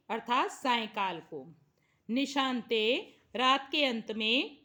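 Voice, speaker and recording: A woman teacher talks through a lesson at an unhurried, deliberate pace. Her voice sits a little high, and she reads each word out before explaining its meaning. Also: a bit bright. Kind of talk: slow classroom lesson.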